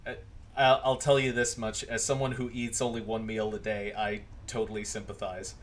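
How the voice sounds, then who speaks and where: A man hosting a casual interview, self-deprecating and quick to laugh. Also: lowish voice, little pitch movement. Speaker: interview host.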